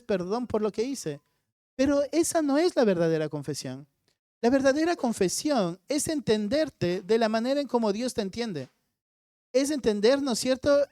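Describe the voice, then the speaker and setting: A man with a warm, mellow voice teaches a Sunday school class, going through a Bible passage point by point. He keeps checking that his listeners follow him. The sound is close and dry, with little room around it. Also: very high voice, no room sound. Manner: explains step by step, often checks in with "¿no es cierto?".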